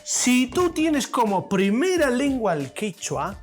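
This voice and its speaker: A man teaching a classroom lesson, his pitch rising and falling in a lively way. He asks questions and answers them himself. Faint music plays underneath. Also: slow. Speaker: language teacher.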